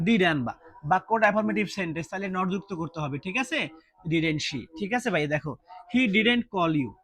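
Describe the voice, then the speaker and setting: A male teacher runs a spoken grammar lesson at a quick clip, his voice sitting high. He keeps quizzing his listeners with repeated questions and calls them brother in a casual, colloquial way. The sound is dry and close, with no room around it. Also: lively intonation, fairly bright tone, no echo. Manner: drills with repeated quiz questions to students. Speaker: English teacher.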